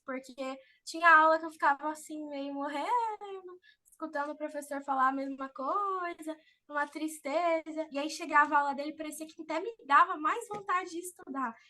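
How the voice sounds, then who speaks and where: A woman giving an informal online talk on public speaking, expressive and acting out the voices she quotes. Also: sits high.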